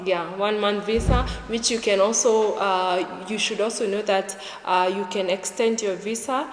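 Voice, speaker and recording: A woman's voice: mid-range voice, steady tone, normal speed, faint music behind. A young woman from Kenya, chatting casually in an interview, with lots of fillers. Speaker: YouTuber guest. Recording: echoey room with long reverb.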